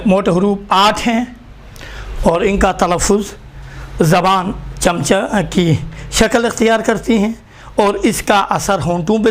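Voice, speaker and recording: A man teaching Quran reading in a live class, slowly repeating letters for students to write down. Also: high voice.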